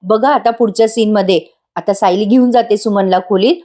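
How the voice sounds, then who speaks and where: A woman's voice: mid-range voice, a little fast, mellow. Chatty woman recapping a TV episode. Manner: chatty, addresses viewers directly. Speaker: serial reviewer.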